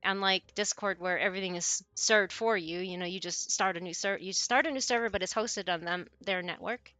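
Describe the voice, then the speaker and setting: A woman's voice: medium pitch, a little fast, sharp tone, dry recording, soft background music. A woman in her forties, chatting casually with viewers on her stream, rambling and often correcting herself mid-sentence. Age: 40s.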